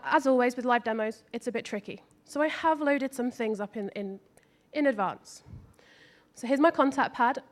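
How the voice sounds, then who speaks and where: High-voiced woman presenting a demo. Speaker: app presenter. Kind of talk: live product demo.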